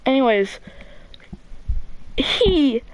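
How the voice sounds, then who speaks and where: Rambling high-voiced teen girl storyteller. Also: big pitch swings, extremely slow, clean tone, rough recording. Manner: rambling, full of "like", restarts and swearing. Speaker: gaming channel host. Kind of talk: casual storytelling.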